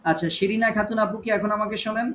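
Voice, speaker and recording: High-voiced patient male recitation teacher. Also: flat delivery, very fast, fairly bright tone, a little hiss or hum. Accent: Bangladeshi Bengali. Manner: patient, corrective, prompting students to read. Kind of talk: online class, calling on students.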